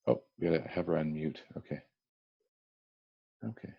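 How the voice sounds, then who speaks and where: A man's voice: a bass voice, steady tone, moderate pace, gravelly, breathy edge, dull audio. A man emceeing a virtual dinner over a video call, chatty, calling on guests by name. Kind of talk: casual virtual meeting hosting.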